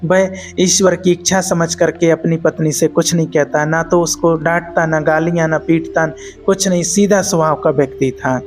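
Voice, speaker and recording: A man giving a spiritual discourse, telling a moral story in a measured, repetitive way. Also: fairly high pitch, steady tone. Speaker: spiritual preacher.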